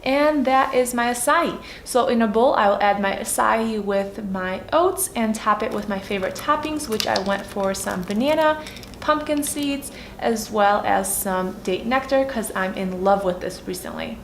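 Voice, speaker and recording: In a mid-range voice at normal speed, this young woman from Poland narrates a casual cooking vlog with voice-over about her vegan lifestyle. Her accent mixes Polish and Chicago, and she's friendly and chatty, using fillers. The sound is reverberant with slight background noise.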